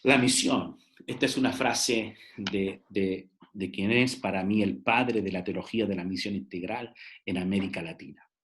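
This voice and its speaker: A man's voice: on the low side, moderate pace, a bit bright. A man teaching a theology class in a preaching style, emphatic and speaking directly to his listeners, with frequent hesitant restarts. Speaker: theology professor.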